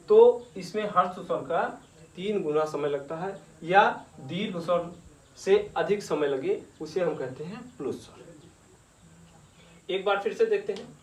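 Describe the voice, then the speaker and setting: Slow, deliberate male teacher in echoey room. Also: sits high. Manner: slow, repeating and drawing out sounds. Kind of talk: slow classroom-style grammar lesson. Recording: echoey room, distant mic, faint noise.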